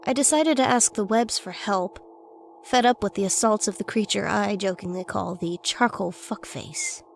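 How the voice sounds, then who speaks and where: A woman's voice: mid-range voice, creaky. A woman reading a scripted first-person horror story as its narrator. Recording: faint noise and ambience behind voice.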